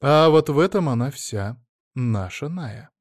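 A man's voice: medium pitch, lively intonation, unhurried, dry recording, clean studio sound, pitched above the performer's own voice. A man reading an audiobook, voicing a bitter middle-aged woman who speaks with contempt. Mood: contemptuous. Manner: contemptuous, biting.

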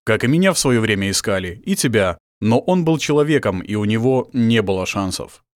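A male audiobook reader voicing a calm, weary middle-aged prince who speaks in a measured way. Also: on the low side, no room sound, clean studio sound, natural voice. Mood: grave. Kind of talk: audiobook character voice.

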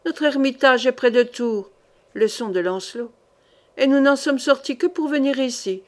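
A scheming man disguised as a hermit boasts of false miracles in a storybook reading, voiced by a woman reader. The voice is fairly high. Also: moderate pace, lightly acted. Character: sly rogue posing as monk, man.

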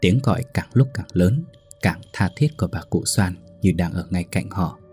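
A man narrating a ghost story in a steady, suspenseful way. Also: sits low, moderate pace, faint music behind.

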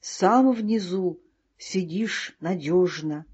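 A woman voicing a vain, pompous male ladybug poet who declaims slowly. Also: fairly low pitch, darkish tone, slightly rough, full character voice. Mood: declaiming. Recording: dull lo-fi recording.

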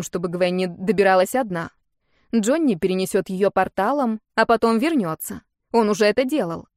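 A woman narrating a first-person fantasy audiobook in an expressive, lively storytelling manner. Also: medium pitch, no room sound, clean studio sound.

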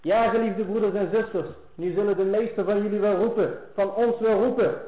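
A man with a high voice gives an earnest Islamic lecture, pressing harder on each key phrase. The recording is thin and phone-like, and it echoes as if from a bare room. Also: fairly even intonation, fairly quick. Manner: earnest, rises in pitch and force on key phrases.

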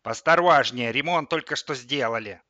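A man's voice: medium pitch, moderate pace, pushed and bright, dry recording, lo-fi sound, lightly acted. A man voicing a fussy nagging front door. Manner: fussy, scolding.

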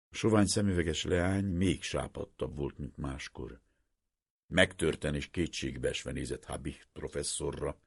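A man reading a novel aloud as an audiobook, with measured, dramatic storytelling. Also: very deep voice, creaky, husky, dry recording, clean studio sound. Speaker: audiobook narrator.

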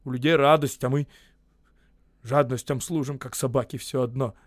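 A man's voice: mid-range voice, fairly even intonation, moderate pace, no room sound, lightly acted. A man voicing a sullen male laborer who grumbles and mutters. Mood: grumbling.

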